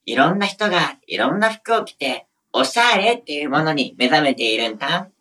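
A woman's voice: low voice, big pitch swings, a little fast, fairly bright tone, far from the mic. A woman voicing a small, protective mascot creature sidekick who ends lines with a cute verbal tic, in an improvised radio sketch. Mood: scolding.

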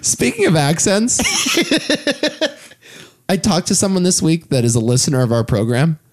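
Very animated rambling man on a podcast. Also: a little high. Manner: rambling storyteller, halting restarts, deadpan jokes. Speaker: podcast co-host. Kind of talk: casual chat.

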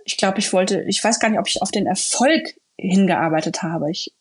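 Husky-voiced woman telling a lively story. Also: mid-range voice, moderate pace. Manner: lively, animated storyteller who acts out quoted dialogue. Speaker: author being interviewed. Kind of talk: casual storytelling interview.

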